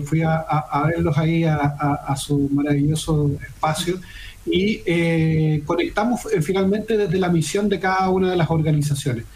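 A man speaks over a video call in a somewhat high voice, with a faint hiss of background noise. He is a theater foundation director giving steady, formal answers, and he often restarts his phrases. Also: low-quality recording. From Chile. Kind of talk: remote interview answers.

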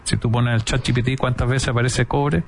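A man's voice: medium pitch, fairly even intonation, a little fast, creaky. Chilean male host, enthusiastic and emphatic, with light background noise. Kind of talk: conversational interview.

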